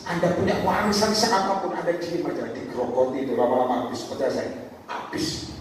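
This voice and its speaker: A male evangelist preaching a sermon, animated, swinging from loud calls to quiet asides and joking with the congregation. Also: a little fast, a little hiss or hum. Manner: animated, shifts from loud exhortation to low asides, jokes with the congregation. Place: large hall with audience. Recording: echoey hall from far off.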